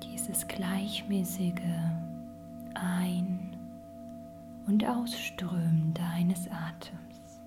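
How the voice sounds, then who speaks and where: A woman whispering a guided sleep meditation like a sleep story narrator, gentle and soothing. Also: fairly low pitch, steady tone, drawn-out words, over music. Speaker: podcast host and meditation guide.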